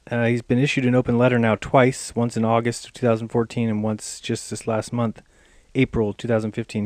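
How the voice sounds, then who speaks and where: A man's voice: medium pitch, a little mellow, no echo. A man hosting his own channel, talking loosely and chattily to viewers with lots of "uh" fillers. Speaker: channel host. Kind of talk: casual talk to camera.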